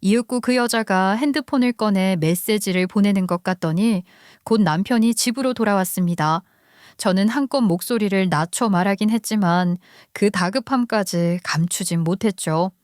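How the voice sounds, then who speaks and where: A woman narrating a listener's story in the first person, in a steady, confiding way. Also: medium pitch, moderate pace, no echo, clean studio sound.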